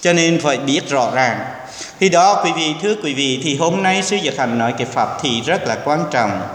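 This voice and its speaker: A man's voice: on the high side, animated, normal speed, a bit bright. A man, a Buddhist monk, giving an earnest, exhorting sermon to a temple congregation, now and then dropping in English words. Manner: earnest, exhorting, acts out quoted speech. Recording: echoey hall with long reverb.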